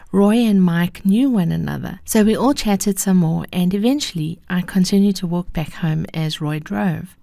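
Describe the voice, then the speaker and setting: A woman host reading scripted personal reflections in a measured, unhurried, gentle storytelling manner. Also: medium pitch, gravelly, no room sound, clean studio sound. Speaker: host of a daily encouragement podcast.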